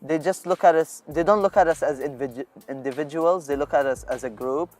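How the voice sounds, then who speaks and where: A man's voice: on the high side, fairly quick, darkish tone, faint music behind. Earnest teenage guy from Lebanon. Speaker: dance group member. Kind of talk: documentary interview.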